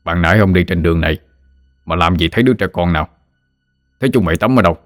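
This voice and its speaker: A man's voice: low voice, quick pace, no room sound, studio quality, soft background music, lightly acted. A man voicing an urgent, commanding old village man. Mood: concerned.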